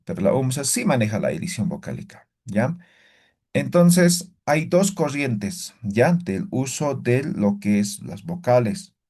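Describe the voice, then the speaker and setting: Man teaching an Aymara class, lively pitch. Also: unhurried, husky. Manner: checks in often with "¿ya?" and "¿no ve?"; animated, exaggerates rises and falls to demonstrate. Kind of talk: online class lesson.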